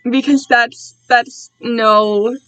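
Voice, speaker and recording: A streamer with a fairly high, slightly bright, smooth voice reads her own fan-written work to viewers in casual live-stream chat, unhurried and fairly even in intonation. She rambles, gets easily sidetracked, and is self-deprecating. The sound is dry with no room around it, and the recording is low-quality.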